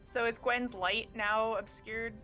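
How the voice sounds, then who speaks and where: A woman's voice: fairly high pitch, fairly even intonation, slow, bright, forceful tone, soft background music. A woman playing a tabletop game, chatting and bantering casually with the group.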